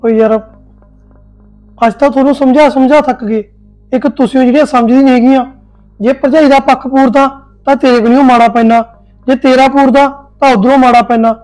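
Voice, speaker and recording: Soft music plays behind a man acting in a Punjabi family sketch as a laid-back young husband in a joint family. Peacemaking and calming, he soothes both his wife and sister-in-law in a very high-pitched, steady, brisk voice that's a little mellow.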